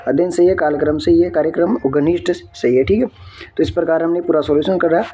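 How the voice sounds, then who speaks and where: A man's voice: on the high side, steady tone, fast talker, mellow, slightly rough. A man working through an exam answer key step by step, often checking in with his viewers. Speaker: exam tutor.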